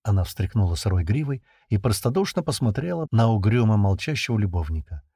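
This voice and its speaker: Husky male audiobook narrator. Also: fairly low pitch, a little fast, dry recording, clean studio sound. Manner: expressive reading of a crime novel. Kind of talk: scripted narration.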